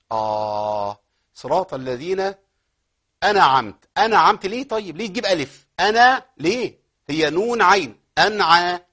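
A man with an Egyptian accent teaching Quran recitation rules. He explains common mistakes, then recites words slowly and repeats them. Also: a little high, fairly bright tone, husky. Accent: Egyptian Arabic. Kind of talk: tajweed lesson with recited examples.

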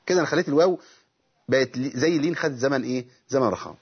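On a TV lesson, a middle-aged Egyptian man teaches Quran recitation rules, posing questions to himself, answering them, and pausing to demonstrate recited verses. He speaks very fast at medium pitch with a breathy edge, and the sound is lo-fi.

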